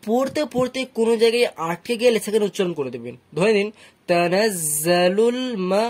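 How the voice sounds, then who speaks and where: A man's voice: high voice, big pitch swings, fast, a little mellow. Bengali-accented male tutor, patient and methodical; spells out letters and vowel marks, checks in with students often. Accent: Bangladeshi Bengali. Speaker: Quran reading teacher. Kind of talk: slow syllable-by-syllable recitation lesson.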